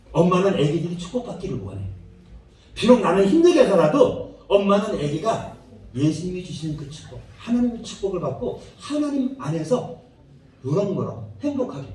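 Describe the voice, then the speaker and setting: A children's ministry preacher gives a playful sermon for kids in a church worship room, acting out voices in the story and asking the children questions. His voice sits high with big pitch swings, normal speed, and a slightly mellow tone, captured in a very echoey room with the mic far off.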